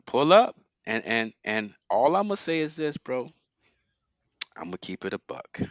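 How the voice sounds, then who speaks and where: Animated podcast man who keeps saying bro. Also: mid-range voice, measured pace, dry recording. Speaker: podcast co-host. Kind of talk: casual chat.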